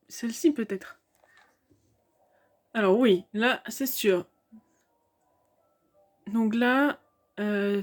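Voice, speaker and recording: A woman's voice: a little high, a little mellow. A young woman giving casual commentary on a video game, hesitant and thinking aloud with many fillers.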